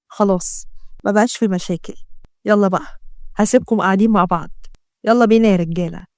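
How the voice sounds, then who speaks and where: A woman voicing a jovial, bossy old male gang patriarch with an Egyptian accent, speaking low and hearty. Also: a little mellow, smooth, dry recording, studio quality, natural voice. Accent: Egyptian Arabic. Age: older.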